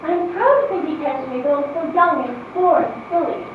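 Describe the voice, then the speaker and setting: A woman's voice: very high voice, brisk. A woman playing a modest, proper young woman in a period drama, earnest and politely firm. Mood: defiant, earnest. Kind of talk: stage-style period drama acting. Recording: echoey distant muffled recording, faint noise.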